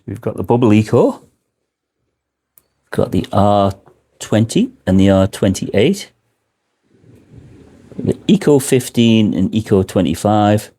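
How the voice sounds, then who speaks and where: A man's voice: lowish voice, expressive, slow pace, pauses often, mellow. A man giving an informal product explanation as a presenter, speaking indoors in a shop.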